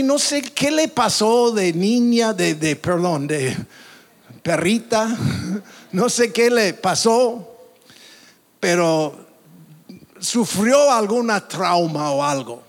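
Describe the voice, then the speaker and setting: A man preaching a sermon as pastor, animated and dramatic, swinging his voice up and down. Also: high voice. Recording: long hall reverb.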